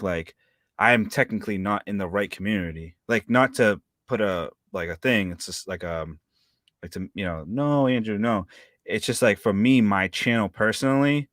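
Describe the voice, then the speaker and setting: Man, thirties, low pitch, hesitant, lots of fillers. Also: fairly bright tone, dry recording, studio quality. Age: 30s. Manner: rambling, hesitant, many fillers. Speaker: live-stream co-host. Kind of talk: casual chat.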